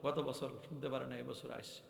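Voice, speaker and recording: Gravelly, impassioned preacher. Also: male voice, mid-range voice, little pitch movement, brisk, roomy sound, big-room sound. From Bangladesh. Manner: impassioned, repeating phrases and rising to shouts. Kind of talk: waz sermon.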